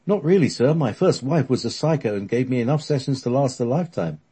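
A man voicing a short, joking research scientist in a high voice. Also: expressive, brisk, dark tone, breathy edge. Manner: wisecracking.

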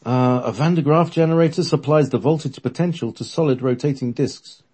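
A man's voice: on the high side, brisk, mellow, slightly rough, pitched above the performer's own voice. A man voicing a colonel and chief engineer who speaks in a shy, nervous tone.

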